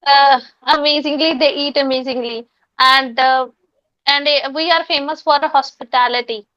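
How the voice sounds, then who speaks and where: A high-pitched woman, talking freely and correcting herself often in a casual practice chat. The sound is dry and dull, like a lo-fi online call. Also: steady tone, normal speed, pushed and bright, no room sound. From Punjab, India. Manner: talkative, frequent fillers and self-corrections. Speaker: English practice partner.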